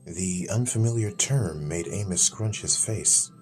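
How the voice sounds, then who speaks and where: In a low voice and at a measured pace, a male audiobook narrator reads a scripted fantasy tale. Gentle music runs underneath.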